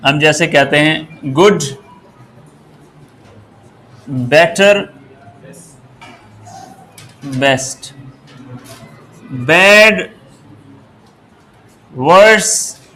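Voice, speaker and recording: A man teaching English grammar, asking the class questions as he goes and spelling words out slowly. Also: a little high, pushed and bright, a little hiss or hum. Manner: slow and deliberate, asks the class rhetorical questions and spells words out. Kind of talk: grammar lesson.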